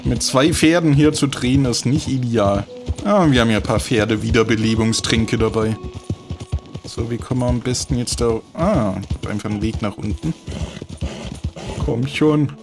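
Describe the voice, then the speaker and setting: A man's voice: mid-range voice, moderate pace, over music. A man giving casual gameplay commentary as a let's play host, chatty and talking to the horses, with bursts of frustrated cursing. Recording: game sounds of horses and hooves loud behind. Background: game audio with horse hooves.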